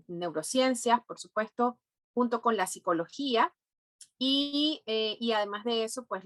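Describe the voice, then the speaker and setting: A woman from Venezuela with a Venezuelan Spanish accent, a podcast guest explaining neurofinance in a thoughtful way with pauses and fillers. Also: medium pitch, a bit bright, no echo. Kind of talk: podcast interview.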